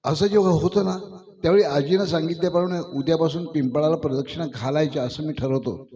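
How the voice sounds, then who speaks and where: A timid, easily bewildered young village man from a storybook, hesitant and wondering, as a male narrator reads him. The voice is a little high and soft, heard through a dull, lo-fi recording. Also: fast talker, natural voice. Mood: musing.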